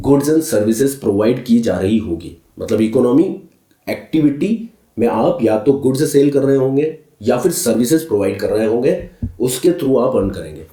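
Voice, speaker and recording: Male commerce tutor, dark mellow tone, echoey room, brisk list-repeating delivery. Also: medium pitch. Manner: mixes English terms into Hindi explanations, addresses students as children; brisk, repeats key terms as lists. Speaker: commerce teacher. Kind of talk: recorded class lesson.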